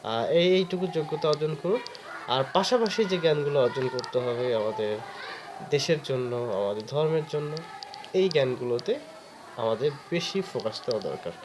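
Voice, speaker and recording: A man talking earnestly to the camera, encouraging learners with patient advice and drawn-out fillers. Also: medium pitch, expressive, background noise. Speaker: vlogger giving advice. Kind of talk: casual talk to camera.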